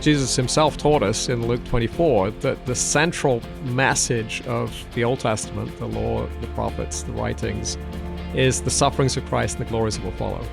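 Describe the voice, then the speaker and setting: A middle-aged Old Testament scholar from England appears as a guest on a relaxed podcast, with an accent mixing South London and American. His mid-range voice is steady, creaky and moderately paced, thoughtful yet hesitant with fillers and restarts, and music plays in the background.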